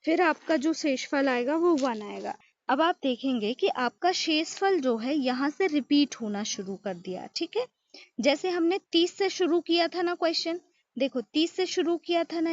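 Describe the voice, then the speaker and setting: A woman's voice: sits high, expressive, normal speed, no echo. A woman teaching maths in a classroom style. She works through long division step by step, keeps asking questions and answering them herself, and says "okay" again and again. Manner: asks students questions and answers them herself, repeats "ठीक है" often. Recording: dry, dull lo-fi recording.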